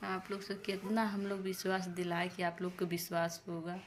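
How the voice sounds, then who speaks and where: Woman vlogger, level monotone delivery, noisy background. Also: lowish voice, moderate pace. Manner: pleading, repetitive, addresses viewers as friends. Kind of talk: casual direct-to-camera vlog talk. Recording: noisy ambience behind.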